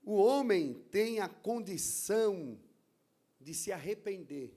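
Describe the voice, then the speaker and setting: A Brazilian pastor delivers a sermon in an unhurried, drawn-out way. His voice sits high for a man, and he leans hard on key words. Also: lively intonation, mellow. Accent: Brazilian Portuguese. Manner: deliberate, emphatic preaching with stressed words. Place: church.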